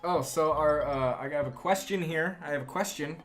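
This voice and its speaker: A man's voice: fairly high pitch, normal speed, a bit bright, soft background music. Joking man co-hosting a casual podcast. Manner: jokey, riffs with silly voices. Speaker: podcast co-host. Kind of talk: casual comedic banter.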